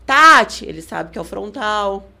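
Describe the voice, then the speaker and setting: A woman with a Brazilian Portuguese accent, a guest on a studio podcast, telling a story with energy and acting out the shouts of others. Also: on the low side, fairly quick, very noisy. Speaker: guest fighter. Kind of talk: casual podcast interview.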